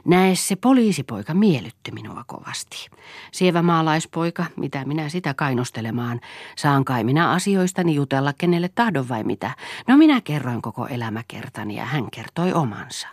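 Nainen lukee äänikirjaa ja esittää kiivasta, suorapuheista nuorta naista, entistä palvelustyttöä, joka tiuskii ja tinkii terävästi. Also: female voice, deep voice, big pitch swings, no echo, studio quality, heavily acted. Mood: defiant. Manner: sharp, scolding and haggling. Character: fiery, blunt young woman, a former housemaid. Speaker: audiobook reader. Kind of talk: novel reading.

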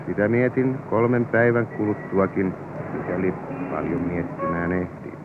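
A man's voice: low voice, fairly even intonation, lightly acted. An actor playing a young man wryly narrating his own story. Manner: wry, reflective narration. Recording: tinny old radio recording with hiss.

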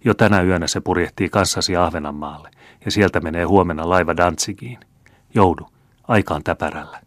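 A male narrator voicing a brave younger woman who gives hushed, quick instructions during a rescue. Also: deep voice, no echo, lightly acted. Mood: urgent.

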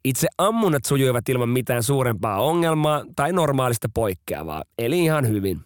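Lively male podcast storyteller. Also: mid-range voice, no room sound, studio quality. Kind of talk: scripted storytelling narration.

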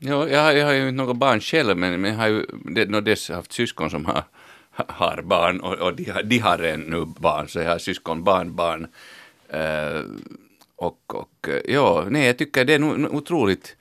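Deep-voiced hesitant man. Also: expressive, fairly bright tone, no room sound. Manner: hesitant, searching for words. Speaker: guest. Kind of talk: casual chat.

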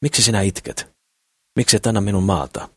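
A man's voice: fairly low pitch, fairly bright tone, no room sound, studio quality, voice pushed up. A male audiobook reader voicing a grumpy, irritable lame village man who barks and scolds. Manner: gruff, barking orders.

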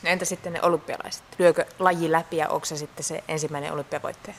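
A woman interviewer asking measured, direct questions. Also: low-pitched, steady tone, slight background noise.

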